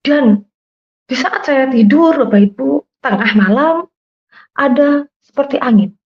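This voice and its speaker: A woman's voice: high voice, animated, measured pace. A woman giving an emotional church testimony to a congregation, acting out quoted dialogue with frequent hesitations. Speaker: speaker giving a conversion testimony. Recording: dull lo-fi recording.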